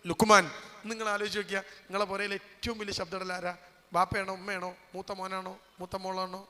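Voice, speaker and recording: Male preacher, high bright voice, dramatic loud-soft sermon delivery, long hall reverb. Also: little pitch movement, fast talker. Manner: dramatic, swinging from loud calls to hushed asides; rhetorical questions to the audience. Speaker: Islamic preacher and college lecturer.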